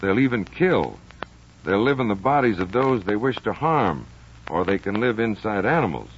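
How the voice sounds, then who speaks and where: A man's voice: lowish voice, sing-song, moderate pace. A man voicing a superstitious male friend who gives earnest, ominous warnings in a dramatized story. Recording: dull vintage recording with faint noise.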